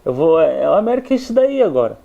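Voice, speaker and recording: A man's voice: a little high, sing-song, quick pace, vocal fry, warm tone, lo-fi sound. A man giving blunt, opinionated football commentary in a studio chat, speaking straight to the fans. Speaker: sports commentator. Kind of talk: casual studio sports chat.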